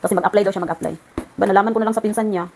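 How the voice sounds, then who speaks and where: A woman's voice: medium pitch, steady tone, racing, a little mellow, a little hiss or hum, low-quality recording. A woman vlogger chatting to her viewers while ironing at home, in a rambling, ranting way. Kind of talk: casual chat.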